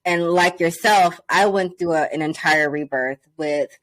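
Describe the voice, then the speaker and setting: Woman interview host, fairly low voice, casual chat, rambling questions. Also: a little slow, a bit bright. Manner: rambling questions, laughs easily.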